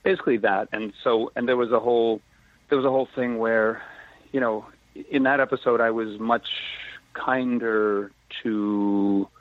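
A man's voice: medium pitch, fairly even intonation, moderate pace, dry recording. A man, an actor who is a guest on the show, chatting animatedly in a casual interview, often laughing and acting out quoted exchanges. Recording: tinny phone-line remote audio, dry.

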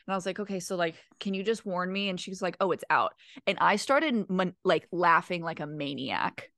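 Thirtysomething female co-host, slightly low voice, animated conversational delivery. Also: a little fast, dry recording. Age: 30s. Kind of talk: casual chat.

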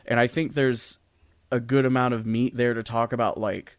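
A podcast co-host chats casually and informally about music and theatre, hesitantly thinking aloud as he goes. His mid-range voice keeps a fairly even intonation at a moderate pace, and the recording is dry.

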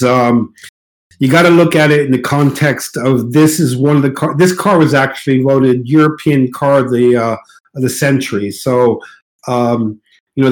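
A man in his sixties from Morocco with a mid-American-sounding accent, a guest in a casual interview at his countryside home, talking in a relaxed, hesitant way with many fillers. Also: medium pitch, rough recording. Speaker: guest car designer.

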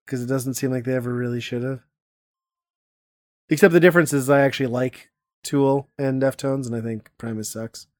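A man's voice: medium pitch, fairly even intonation, brisk, a little mellow, dry recording. A young man in loose, casual conversation, blunt and profane, laughing as he talks. His voice sits in a middle register. The sound is dry and close. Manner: blunt, swears, laughs often. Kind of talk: casual chat.

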